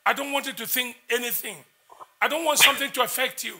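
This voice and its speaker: A man's voice: very high voice, steady tone, fast talker, pushed and bright. A man, preaching as a prophet in a church service, intense and repetitive as he declares prayers.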